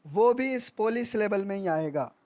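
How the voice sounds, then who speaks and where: A woman teaching grammar. She speaks deliberately and repeats each word for dictation. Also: medium pitch, expressive, a little mellow. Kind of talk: classroom lesson.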